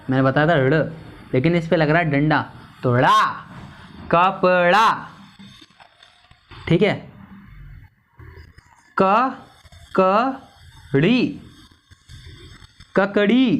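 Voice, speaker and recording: A man teaching a lesson on vowel signs, slowly repeating and sounding out each syllable. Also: on the high side, a bit bright, highs cut off. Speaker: Hindi teacher.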